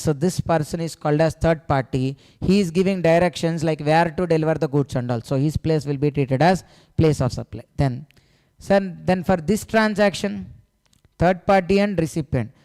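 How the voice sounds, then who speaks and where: A man's voice: a little high, moderate pace, darkish tone, clear, resonant tone. A man with a South Indian accent lecturing as an exam coach, repeating key phrases, posing questions he answers himself and often saying "sir". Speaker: tax exam coaching teacher. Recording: echoey hall-like reverb.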